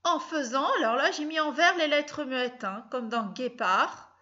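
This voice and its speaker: Woman teacher for a kids' spelling lesson, slow and patient, bright higher voice, slightly dull lo-fi sound. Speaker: primary school teacher. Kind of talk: dictation lesson for children.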